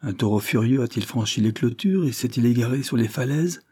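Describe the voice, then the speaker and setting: Un homme qui lit joue un vieux lord sévère et soupçonneux qui interroge gravement sa nièce. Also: male voice, medium pitch, animated, fairly quick, dark tone, breathy edge. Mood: irrité. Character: stern elderly lord, suspicious and irritable.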